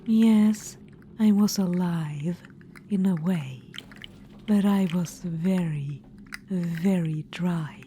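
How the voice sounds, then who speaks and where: A woman whispers an ASMR roleplay as an ancient undead witch-queen, vain and scheming, speaking softly and unhurriedly, condescending as she calls the listener darling. Her lowish voice draws out words in a sly, coaxing mood, with slight background noise.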